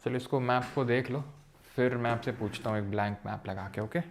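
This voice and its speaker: A man's voice: mid-range voice, fairly even intonation, a little fast, a little hiss or hum. Casual man teaching a geography lesson. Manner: casual, mixes English terms into Hindi speech; playful, jokes to make memory tricks. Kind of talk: recorded geography lecture.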